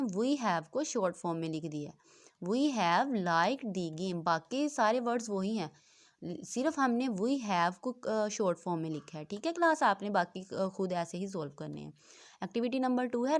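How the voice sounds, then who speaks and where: Woman, school teacher, recorded lesson, medium pitch, explains then reads aloud slowly. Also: expressive. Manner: explains in Hindi, reads English text slowly.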